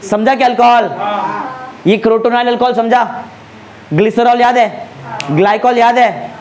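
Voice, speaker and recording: A man with a fairly high voice teaches a classroom lecture. He keeps stopping to quiz his students with quick check-in questions and slowly repeats each key name so it sticks. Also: a crowd in the background. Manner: repeats names slowly for emphasis. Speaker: chemistry tutor.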